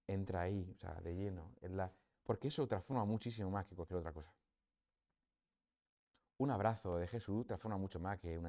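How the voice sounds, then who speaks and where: A man's voice: deep voice, warm tone. A man with a Spanish accent giving a parish talk on prayer, conversational and reflective, often adding tag questions. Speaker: priest. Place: parish hall or church.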